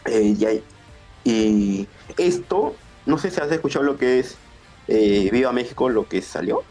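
A young man, a wrestler chatting in an interview, excitable and rambling. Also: medium pitch, a little slow, faint music behind. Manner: excitable, acts out quotes, rambling restarts. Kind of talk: casual interview.

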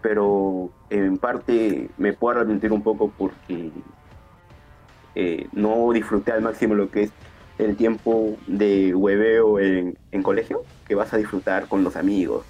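Husky young man telling stories. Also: fairly low pitch, measured pace, faint music behind. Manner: excitable, acts out quotes, rambling restarts. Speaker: wrestler. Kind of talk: casual interview.

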